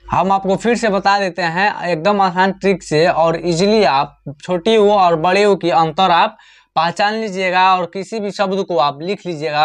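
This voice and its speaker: High-voiced man teaching a Hindi lesson. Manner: repetitive, asks and answers his own questions. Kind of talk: online lesson.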